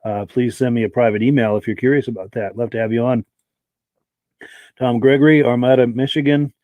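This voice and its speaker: Over narrow, tinny audio with no room sound, a man hosts a live podcast, reading out viewer comments and naming each person as he thanks them. His medium-pitched voice, fairly even in intonation and fairly quick, is giving out from a dry throat.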